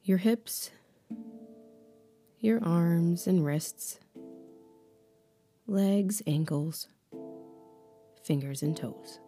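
A woman leading a guided meditation with affirmations in a calm, soothing, unhurried, breathy voice that is close to a whisper, right in the listener's ear. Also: on the low side, soft background music.

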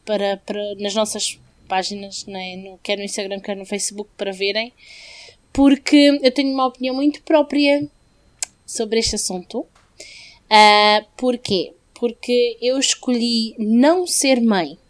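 A woman with a fairly high voice and a European Portuguese accent. She speaks conversationally as a podcast host, sharing her views in a casual discussion. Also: steady tone, unhurried.

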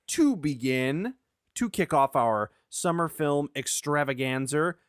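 Male co-host, comedic casual chat, lively intonation, dry sound. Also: on the high side, slow, clear, resonant tone, dry recording. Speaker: podcast co-host.

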